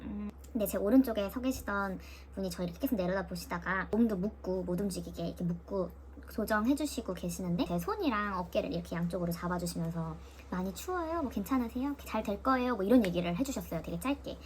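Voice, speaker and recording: Young woman vlogger, quick casual storyteller who imitates others, faint background hiss. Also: medium pitch. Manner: lively, mimics voices of nurses and her sister while retelling.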